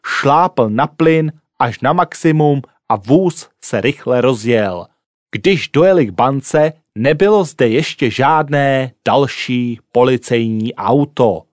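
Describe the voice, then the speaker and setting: A man reading a story aloud as a narrator, with clear, expressive delivery. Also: mid-range voice, no echo, studio quality.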